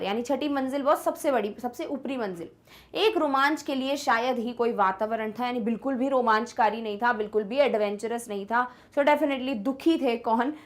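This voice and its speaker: A young woman teacher explaining an English story in Hindi, reading English lines slowly and checking if students follow. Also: high-pitched. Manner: switches between slow English reading and fast Hindi explanation; asks checking questions like "clear?". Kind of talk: Hindi-medium English lesson, explaining text.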